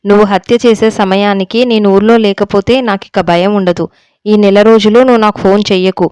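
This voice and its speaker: A woman's voice: medium pitch, a little mellow, clear, resonant tone, no echo, close to an everyday voice. A woman reading as a nervous young wife. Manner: anxious, pleading.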